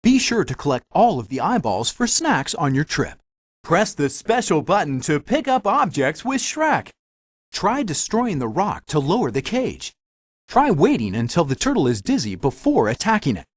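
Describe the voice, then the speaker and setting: A man's voice: fairly high pitch, huge pitch swings, moderate pace, no echo. A man voicing a helpful magic mirror, a theatrical fairy-tale guide giving scripted, instructive video game hints.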